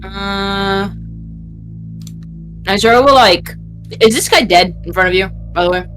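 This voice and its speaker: A woman's voice: medium pitch, unhurried. A woman playing a tabletop game, chatting casually and hesitantly as she improvises her character's actions. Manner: animated, hesitant phrasing with repeated "like". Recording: faint music behind the voice.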